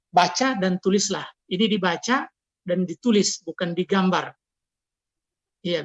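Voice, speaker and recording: A man's voice: sits high, fairly bright tone, dry recording. A man with an Indonesian accent teaching an Arabic class online, patiently coaxing students to read aloud. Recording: dull lo-fi online call audio.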